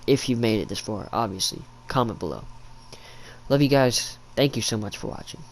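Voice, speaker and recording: A man's voice: medium pitch, animated, normal speed, slight background noise. A young adult man rambling through a casual, slangy storytime as a YouTube storyteller, recorded in a living room at home.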